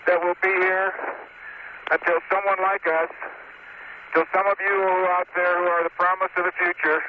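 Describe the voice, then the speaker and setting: An astronaut's voice comes through a crackly space radio link, muffled and dull with a faint hiss behind it. He speaks in a measured, solemn way, as if giving a formal address. His pitch sits a little above the usual for a man. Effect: crackly space radio transmission. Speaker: astronaut on the lunar surface.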